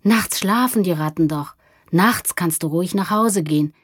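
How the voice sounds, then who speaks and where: A woman voicing a kind older man who talks softly and coaxingly to a child. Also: lowish voice, moderate pace, husky, dry recording, clean studio sound. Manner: soft, coaxing, kindly. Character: gentle older man with crooked legs.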